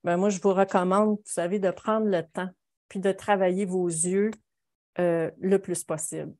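A middle-aged woman who teaches watercolour painting gives an informal, conversational live demonstration over a video call from her home studio indoors, with a Quebec French accent. Her voice is fairly low and darkish, with fairly even intonation at a moderate pace.

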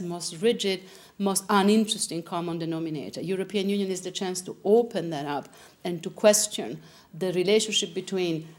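A woman, answering interview questions in an animated, discursive way in a TV studio. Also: lowish voice. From Italy. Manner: animated, gesturing, frequent restarts. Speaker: interviewee, philosopher. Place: TV studio with curtain backdrop.

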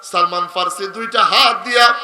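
Man, Bangladeshi accent, high-pitched preacher who breaks into chanted shouts; echoey and noisy. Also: normal speed. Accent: Bangladeshi Bengali. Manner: impassioned, swings to chanted shouts. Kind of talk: sermon. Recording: echoey PA sound with loud noise.

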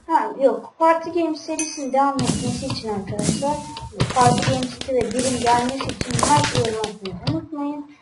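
Over loud music, a woman with a high voice speaks briskly while doing casual let's-play commentary for her gaming channel. She is grumbly and quick to get frustrated, talking directly to her viewers through a distant mic in a roomy space with background noise.

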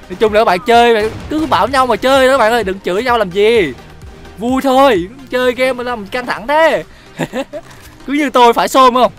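A man's voice: extremely high pitch, a bit bright. A man giving joking, teasing gameplay commentary while he plays, swearing casually and laughing often. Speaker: gaming channel host.

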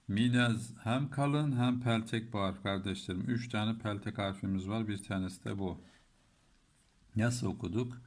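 A man with a Turkish accent teaching Quran recitation rules in a patient lesson. He chants verses slowly and breaks words apart to explain them. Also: on the low side.

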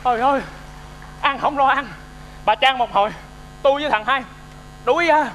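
A man with a Southern Vietnamese accent playing a patient, teasing old husband in a stage comedy sketch, talking in a quick, lively and joking way. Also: very high voice, slight background noise. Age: older. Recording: reverberant stage with faint music.

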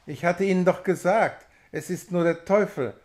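A man voicing a calm, steadfast old village priest who speaks slowly and with gentle assurance. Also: high-pitched, lightly acted.

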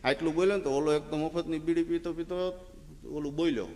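A male folk comedian, telling an animated comic story on stage and acting out villagers' voices. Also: on the high side, fast talker, long reverb tail.

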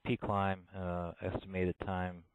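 A man giving halting, matter-of-fact procedural status calls as a launch conductor over a comms loop. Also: low-pitched, monotone, smooth, no room sound.

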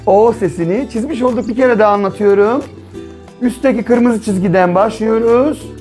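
A man's voice: high voice, normal speed, a little mellow, soft background music. Man teaching young children patiently. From Turkey. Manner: patient, asks and answers his own questions. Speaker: primary school teacher. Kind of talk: children's literacy lesson.

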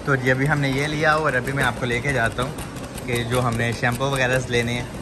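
Walking through a big indoor mall supermarket, this vlogger talks briskly and flatly in a mid-range voice to his phone camera. He addresses viewers as "janab" in a chatty walk-through and keeps repeating "theek hai", with store noise all around.

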